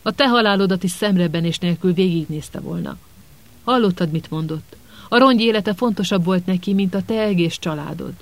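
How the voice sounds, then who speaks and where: A man voicing a furious, vengeful grown male wizard who hisses his words. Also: sits high. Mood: grim. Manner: hissing, seething.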